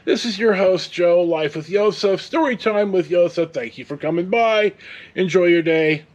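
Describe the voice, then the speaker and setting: The audio is dull as this high-pitched man in his 60s, with a Californian American accent, speaks at normal speed. He hosts, telling a meandering story laced with digressions and mild swearing.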